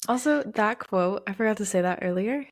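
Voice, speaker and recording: A woman's voice: mid-range voice, expressive, normal speed, no echo, clean studio sound. A woman co-hosting a podcast, chiming in eagerly during a casual chat. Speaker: podcast co-host. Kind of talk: casual book-discussion chat.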